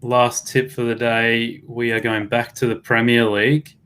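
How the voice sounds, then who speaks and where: A man's voice: mid-range voice, little pitch movement, measured pace, a bit bright, smooth. A man with an Australian accent hosts a live sports betting stream. He keeps it upbeat and matey, with a voice in the middle register. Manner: upbeat, matey, calls everyone mate. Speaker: host.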